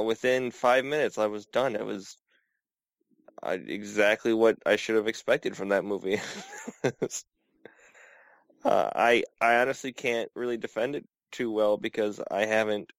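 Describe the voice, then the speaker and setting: A man's voice: on the low side, a little slow, creaky, no echo. A man playing along in a casual movie quiz, hesitant and full of uhs. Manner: hesitant, lots of uh and restarts. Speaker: quiz contestant. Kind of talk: casual podcast game chat.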